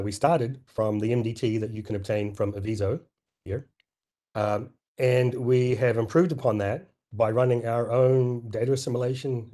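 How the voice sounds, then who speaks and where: A middle-aged man with a dark, mid-range voice gives a scientific conference presentation, sounding hoarse and clearing his throat amid many fillers and restarts.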